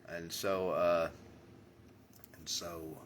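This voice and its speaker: A man giving a rambling spiritual monologue, blunt and jokey, swinging from loud bursts to mumbled asides. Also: sits low, little pitch movement, drawn-out words, slight background noise. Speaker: spiritual vlogger.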